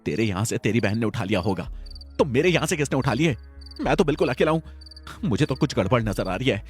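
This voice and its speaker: A man's voice: lowish voice, expressive, moderate pace, darkish tone, soft background music, natural voice. A man voicing Vicky, a terrified young man alone at home at night, pleading with his friend in a trembling, panicky way in a Hindi audio story.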